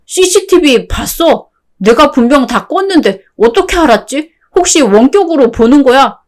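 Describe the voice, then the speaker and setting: A synthetic voice playing a careless husband, defensive, whiny, pleading questions, radio-drama style. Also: male voice, extremely high pitch, sing-song, normal speed.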